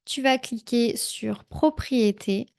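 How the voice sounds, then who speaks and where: A woman talking a viewer through a software tutorial in a casual, chatty way, with frequent fillers. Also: fairly high pitch, takes it slowly, creaky, smooth. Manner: chatty, many "heu" fillers, speaks directly to viewer. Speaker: productivity tutorial creator. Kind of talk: casual screen-share tutorial.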